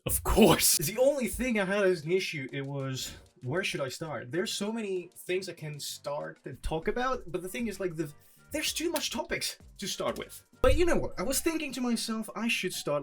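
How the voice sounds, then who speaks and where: A man from France with a French accent, chatting in English about a country he loves. His pitch swings around in a lively way as he rambles, jokes and teases, and faint music plays softly behind him. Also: slightly rough. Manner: joking, sarcastic, rambling with many "like" fillers. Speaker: vlogger. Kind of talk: casual chatty explainer.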